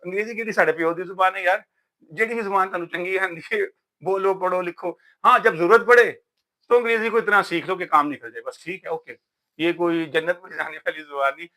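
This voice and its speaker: A Pakistani man records a vlog about books, his high-pitched voice bright and forceful. He keeps things casual but emphatic, preaching a bit and using "yaar" again and again.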